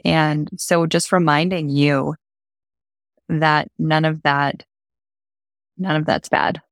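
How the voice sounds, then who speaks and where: A woman co-hosting a podcast, affirming and gently emphatic as she reflects on emotions. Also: low voice, steady tone, slow, no echo, studio quality. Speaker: podcast co-host. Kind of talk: casual chat.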